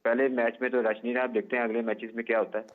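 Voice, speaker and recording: A male sports reporter phoning in a measured, formal live report over a phone line that breaks up and cuts out, pausing often with "uh". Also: medium pitch, level tone. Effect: phone line breaking up and cutting out.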